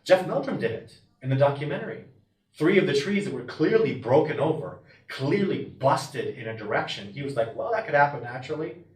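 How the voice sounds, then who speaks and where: A man's voice: mid-range voice, animated, normal speed. A man, a wilderness expert, speaking passionately and emphatically in an interview, often acting out what others might say. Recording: roomy and distant from the mic.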